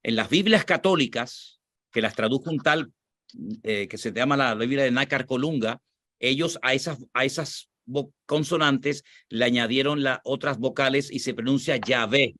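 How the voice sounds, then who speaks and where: A Spanish pastor talking through a question in a patient teaching voice of middle pitch. He repeats key phrases for emphasis. The sound is dry and close, with no room echo. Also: normal speed, a bit bright. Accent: Spanish (Spain). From Spain. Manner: explanatory, repeats points for emphasis. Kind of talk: sermon-like teaching, answering questions.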